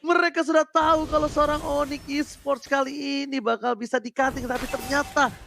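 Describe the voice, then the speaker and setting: A man with an Indonesian accent giving excited play-by-play esports commentary in a hyped fighting game announcer style. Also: extremely high pitch, fairly quick, gravelly, slight background noise.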